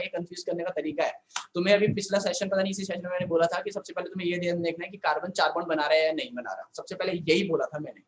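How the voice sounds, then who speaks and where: A man teaching a live online science class, scolding and joking with his students in rapid banter and repeating a filler word. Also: high voice, fairly bright tone, echoey room, slight background noise, low-quality recording. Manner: repeats filler "yaar" often.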